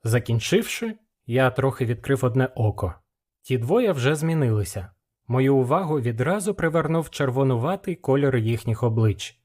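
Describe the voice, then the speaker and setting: Steady male audiobook narrator. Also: mid-range voice. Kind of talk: first-person audiobook narration.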